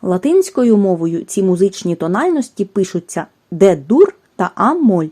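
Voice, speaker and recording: A woman giving a scripted language lesson, reading rules and examples in a careful, measured way. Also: mid-range voice, big pitch swings, dark tone. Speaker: language teacher. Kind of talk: scripted educational narration.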